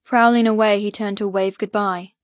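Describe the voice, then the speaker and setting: Reading first-person dramatic fiction, this female audiobook narrator has a middling pitch and a steady tone, moving at normal speed with an intense, emotive delivery. Her recording has no room sound at all, and the highs are cut off, leaving it a little dull.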